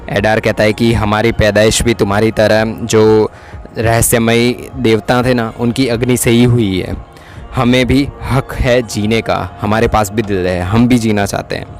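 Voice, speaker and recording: Low-voiced man casually retelling a plot. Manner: chatty retelling with frequent tag questions. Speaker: series recap narrator. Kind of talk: casual Hindi plot recap.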